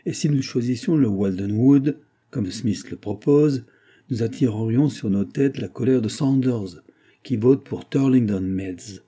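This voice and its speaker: A man reading an audiobook and voicing a pompous, lecturing brewer's clerk who talks loudly and emphatically. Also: mid-range voice, unhurried, close to an everyday voice. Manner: lecturing, self-important, emphatic.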